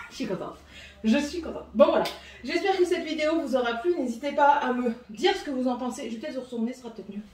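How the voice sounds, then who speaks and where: A woman's voice: high-pitched, fast talker, a little mellow, a little hiss or hum. A middle-aged woman with a French accent, chatting casually through a haul video with many hesitations and repeats. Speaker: vlogger.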